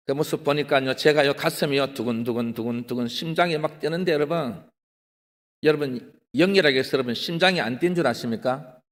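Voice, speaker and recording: Male pastor with a Gyeongsang accent, high and lively delivery, keeps addressing the congregation, echoing hall. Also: brisk. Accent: Gyeongsang Korean. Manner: animated, often addresses the congregation, acts out his own excited pleading. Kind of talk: testimony sermon. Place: prayer retreat hall. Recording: long hall reverb.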